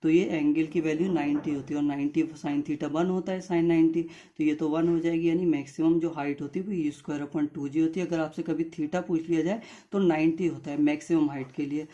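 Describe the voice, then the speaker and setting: A man's voice: a little high, steady tone, a little fast, few pauses, dark tone, lo-fi sound. A man teaching maths, working through exam questions step by step and speaking directly to his students. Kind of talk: exam paper solution lesson.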